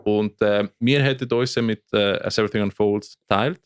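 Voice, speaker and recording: Low-voiced Swiss German man, dry sound. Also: fairly even intonation, normal speed, clear, resonant tone, no room sound. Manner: rambling storyteller, many fillers and restarts, laughs often. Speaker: podcast co-host and band guitarist. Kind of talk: casual podcast chat.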